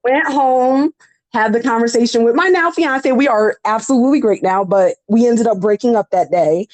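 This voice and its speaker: A woman's voice: a little high, moderate pace, darkish tone, no room sound, rough recording. A woman in her thirties telling a personal story on a podcast, rambling with lots of fillers. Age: 30s. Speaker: podcast co-host. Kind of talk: casual chat, personal storytelling.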